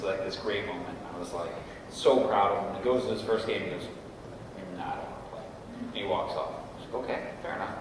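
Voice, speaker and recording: A middle-aged man giving a conversational talk to parents in a school auditorium, telling stories and checking in with "right?". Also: on the low side. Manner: storytelling, often checks in with "right?". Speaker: guest speaker at a parents' session. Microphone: distant room mic. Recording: echoey hall from far off, noisy.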